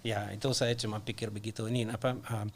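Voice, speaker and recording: Foreigner speaking halting Indonesian, middle-aged man. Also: lowish voice, level tone, slight background noise. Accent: foreign-accented Indonesian. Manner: halting non-native Indonesian with repeated words and unusual phrasing. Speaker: interview guest. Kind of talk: casual earnest conversation.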